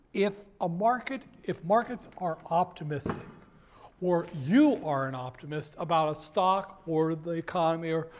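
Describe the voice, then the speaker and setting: A man giving a university finance lecture in a classroom, joking and digressing, talking straight to his students and often stopping to restart his sentences. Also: high voice. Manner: jokey, digressive, with many fillers and restarts; addresses students directly.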